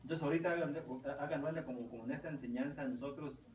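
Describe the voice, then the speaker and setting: A man leads a relaxed Bible class, rambling and dotting his points with tag questions. He sounds set back from the mic in a roomy space, with faint noise underneath. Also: fairly high pitch, racing, far from the mic. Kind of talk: informal Bible teaching.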